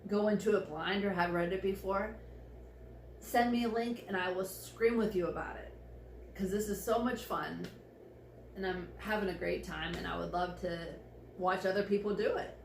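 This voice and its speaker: A woman's voice: mid-range voice, normal speed, gravelly. A tipsy, slightly drunk woman reading a story aloud as an amateur, effusive and giggly, stumbling over her words and adding gushing asides. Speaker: fan fiction reader. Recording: echoey room with faint background noise.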